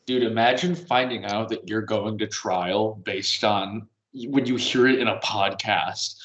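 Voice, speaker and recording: A man's voice: fairly low pitch, steady tone, measured pace, fairly bright tone. A man casually chatting on a podcast from home, rambling and meandering with little chuckles. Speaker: podcast co-host. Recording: roomy echo.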